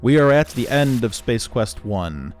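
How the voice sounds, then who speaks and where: A man casually commenting while playing a retro adventure game, chatty and quick to laugh at himself. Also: medium pitch, big pitch swings, soft background music. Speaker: let's play host.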